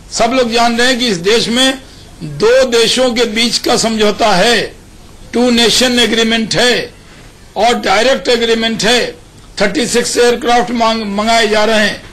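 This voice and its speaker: High-voiced man arguing firmly. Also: fairly bright tone, rough recording. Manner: firm, argumentative. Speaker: party spokesman. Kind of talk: political debate on a phone line.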